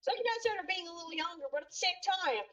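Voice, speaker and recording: A woman's voice: extremely high pitch, expressive, rapid-fire, pushed and bright, muffled recording. A woman in a casual gaming chat, opinionated and blunt, swearing freely.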